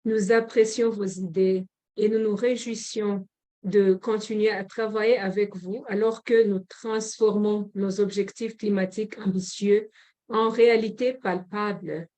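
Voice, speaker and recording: A woman from Rwanda, a government representative, giving a formal closing speech at a forum in a measured way, with frequent pauses and hesitations. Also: medium pitch, fairly even intonation, warm tone.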